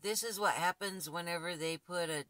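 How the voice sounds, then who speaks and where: A woman with a husky, gruff, dark voice, hosting her channel and talking casually to viewers with rambling restarts and fillers. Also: on the low side, normal speed, no echo. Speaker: spiritual channel host.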